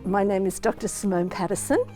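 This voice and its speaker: A woman's voice: medium pitch, fairly quick, dark tone, faint music behind. Articulate woman from Australia. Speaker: artist, retired academic. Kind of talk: interview.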